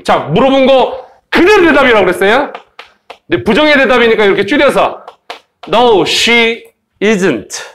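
High-voiced guy teaching english grammar, jokey, bouncy tone, drags out example phrases. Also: fairly bright tone. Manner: playful, joking, teasing students, sound effects; models English phrases slowly for repetition. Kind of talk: lively recorded grammar lecture.

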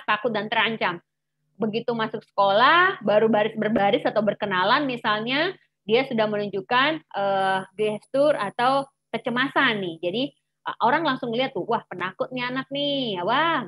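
A woman's voice: on the high side, no room sound, highs cut off. A woman teacher giving a chatty informal lesson to teens, full of fillers and acted-out taunts. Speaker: teacher giving an anti-bullying talk.

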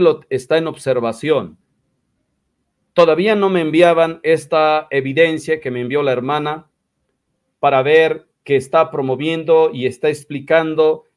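A man's voice: fairly high pitch, darkish tone. A man giving combative, mocking commentary in a religious dispute. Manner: combative, mocking, quotes others in exaggerated voices. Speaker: commentator replying to critics.

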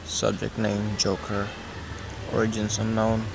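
A man acting as an impassive official, reading a criminal case record in a clipped, formal monotone. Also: lowish voice, a little slow, gravelly. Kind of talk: formal scripted record read-out. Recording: noisy old-tape sound.

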